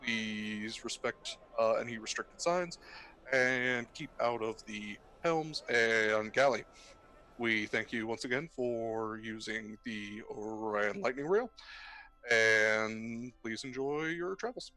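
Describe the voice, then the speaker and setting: A man voicing a male train pilot who makes slow, formal announcements to the passengers over the intercom. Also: fairly low pitch, sharp tone. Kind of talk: game master voicing a character.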